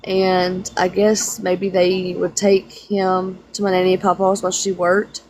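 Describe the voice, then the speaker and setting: A woman's voice: fairly low pitch, completely flat delivery, measured pace, darkish tone, rough recording. A woman, the caller in a live-stream reading, answering plainly and informally. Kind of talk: casual chat.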